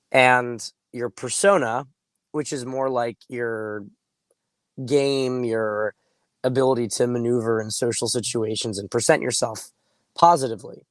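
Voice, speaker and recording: A man hoarse with laryngitis, sounding muffled, gives casual coaching advice in deliberate, emphatic phrases, now and then clearing his throat. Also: medium pitch, no room sound. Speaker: dating coach and host. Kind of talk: casual straight-to-camera advice talk.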